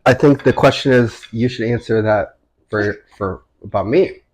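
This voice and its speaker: Man, mid-pitched, relaxed teasing mukbang co-host, unhurried talk between bites. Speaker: husband and vlog co-host. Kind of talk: casual mukbang chat while eating.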